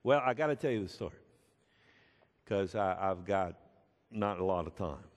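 A man preaching a sermon as a pastor, telling a story slowly and emphatically and rising to shouts at its peaks. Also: low voice, lively intonation. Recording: echoey hall with long reverb.

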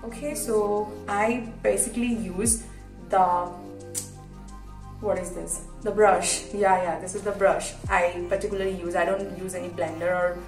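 An echoey, slightly distant phone recording of a young woman with an Indian accent. She talks in a casual, chatty vlog style at a medium pitch, repeating words for emphasis. Music plays along with her voice. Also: fairly even intonation, unhurried. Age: 20s. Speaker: vlogger. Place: hotel room and small tiled hotel bathroom. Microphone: phone propped a short distance away. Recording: echoey tiled bathroom, distant phone mic.

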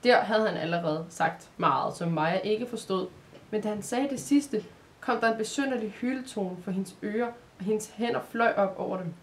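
A woman from Denmark narrating an advent storybook in a calm, measured reading voice. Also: medium pitch, a little hiss or hum.

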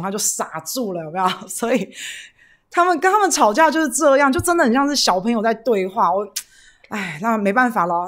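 Chatty Taiwanese livestream host woman. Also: medium pitch. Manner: chatty, greets viewers by name, reads donations; rambling, frequent fillers and tag questions. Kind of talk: casual political livestream chat.

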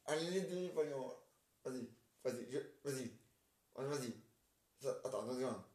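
Recorded at home in an echoey, roomy space, a man acts out every part of his self-written amateur play. He rambles, hesitates and uses filler tags often, his mid-range, slightly mellow voice lively in intonation at a moderate pace.

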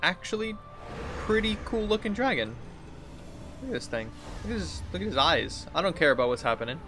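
With big pitch swings in a slightly high voice, this man talks a little fast. He's a streamer in his thirties doing loose, playful gameplay commentary with overdone read-outs, easily exasperated, while game music plays.

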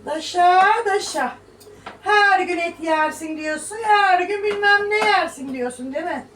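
A woman's voice: high voice, a bit bright, far from the mic. A woman in her thirties cooking at home and chatting to her viewers, mocking and scolding her critics between laughs. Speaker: vlogger. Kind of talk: casual cooking vlog, talking to viewers. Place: home kitchen. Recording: echoey room, voice a little off-mic, faint room noise.

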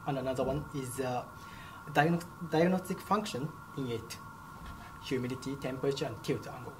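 Young man, Japanese native speaker, careful halting phrasing, lab noise behind. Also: mid-range voice. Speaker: product specialist. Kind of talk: answering interview questions. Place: company lab, indoors.

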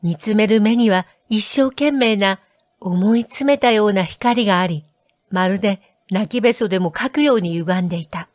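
Woman narrator, audiobook, calm measured read, dry close sound. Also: mid-range voice, no room sound. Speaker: audiobook reader.

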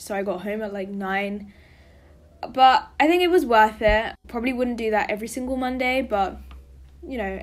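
A woman's voice: on the high side, slight background noise. A young woman, a university student, narrating her week in a casual vlog, chatty and full of fillers. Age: young adult.

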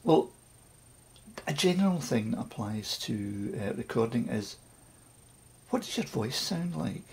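A man's voice: mid-range voice, very animated, unhurried, creaky. A Scottish man chatting wryly through a casual home recording tutorial. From Scotland. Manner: chatty and wry, with asides and self-mocking jokes.

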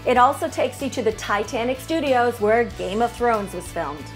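A woman's voice: fairly high pitch, animated, normal speed. Upbeat middle-aged woman travel vlogger. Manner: upbeat, descriptive tour narration. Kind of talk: travel vlog narration. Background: background music.

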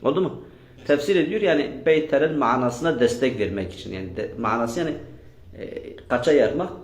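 A man teaches a grammar class, quizzing his students over and over and repeating their answers back to them. His voice sits at a middle pitch. It rings in an echoey room. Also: animated, a little fast. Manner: drills students with repeated questions. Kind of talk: classroom lesson with question and answer.

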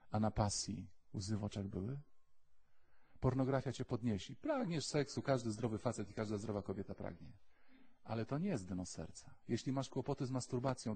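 A man, a priest, giving a lively sermon to a live audience, acting out little dialogues in quoted voices and then dropping to quiet, earnest urging. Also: lowish voice, vocal fry, slightly rough.

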